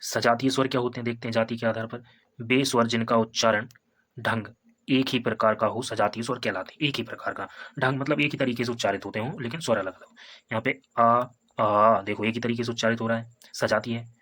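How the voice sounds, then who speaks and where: A man teaching a Hindi grammar lesson for exam preparation. He repeats each point, sounds out vowels slowly as examples, and keeps checking in with "है ना" and "ठीक है". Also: mid-range voice, fairly even intonation, fairly bright tone. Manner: repetitive, explains step by step with tags like "है ना" and "ठीक है".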